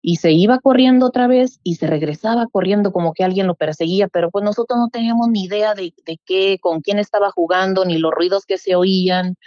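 Middle-aged woman, animated casual storyteller, warm tone, dull dry lo-fi audio. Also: medium pitch, a little fast, few pauses, no echo. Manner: animated, acts out quoted voices. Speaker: guest telling a true story.

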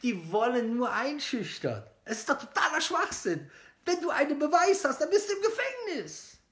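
Indignant, mocking preacher in a roomy space. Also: male voice, extremely high pitch, wildly swooping pitch, moderate pace, fairly bright tone. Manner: indignant, mocking, fires rhetorical questions, drops to sneering murmurs. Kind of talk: sarcastic video statement. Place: small indoor room. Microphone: phone camera at close range. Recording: roomy echo.

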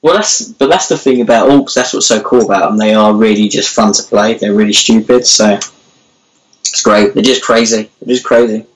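A man's voice: on the low side, moderate pace, rough recording. A man hosting a casual chat show, steering the talk with lots of ums and likes. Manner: many fillers, leads the conversation. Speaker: show host.

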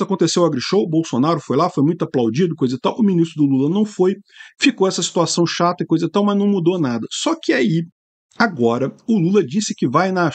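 A man's voice: a little high, darkish tone, slightly rough. A middle-aged Brazilian man giving sarcastic, indignant political commentary to a webcam indoors, often adding tag questions. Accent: Brazilian Portuguese. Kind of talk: opinion vlog commentary.

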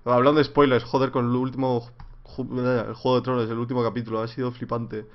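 A young Spanish man rambles through viewer questions on a home livestream, joking and suddenly getting loud. His voice sits at a middle pitch. The stream audio is a little dull and lo-fi. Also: little pitch movement, brisk. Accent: Spain. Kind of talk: casual livestream Q&A.

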